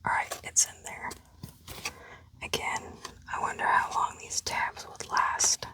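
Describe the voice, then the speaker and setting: In a quiet, relaxed whisper, a woman narrates an ASMR unboxing, seemingly reflecting aloud to herself. She hosts the unboxing video.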